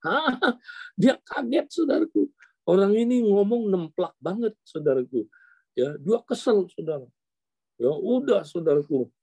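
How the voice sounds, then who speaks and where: A man preaching a sermon, telling a story in a mellow, warm voice. His tone is animated, and he keeps turning to his listeners to address them directly. The sound is dry and close. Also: on the high side, no room sound. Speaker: pastor.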